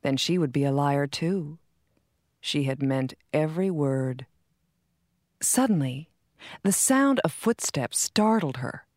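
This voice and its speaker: A woman reads a short story aloud in a calm, measured way. Her voice sits low, and the recording is dry and close, with no room sound. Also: no room sound. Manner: calm, measured reading with soft quoted dialogue. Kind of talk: scripted narration of a short story.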